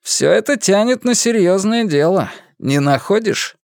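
A man voicing a calm fair-haired inquisitor who speaks in an impassive, measured way. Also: sits high, vocal fry, smooth, dry recording, studio quality, voice pushed up, heavily acted. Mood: dispassionate.

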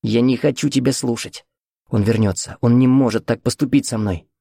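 A man's voice: mid-range voice, fairly even intonation, normal speed, gravelly, mellow, breathy edge, no echo, clean studio sound. A man voicing a frightened young woman near tears. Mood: pleading. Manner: pleading, shaky.

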